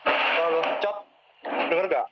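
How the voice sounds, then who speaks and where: Male co-host, breaking up over a dull online call line. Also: on the high side. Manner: quick, repeated checks on the connection. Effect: heard over a choppy online call line. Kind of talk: casual chat. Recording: dull lo-fi call audio with faint noise.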